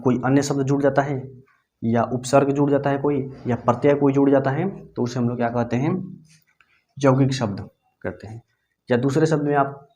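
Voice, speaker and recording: A man teaching a Hindi grammar lesson. He keeps asking the class questions and answering them himself, and slows down to dictate notes. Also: mid-range voice, darkish tone. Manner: dictates slowly for note-taking.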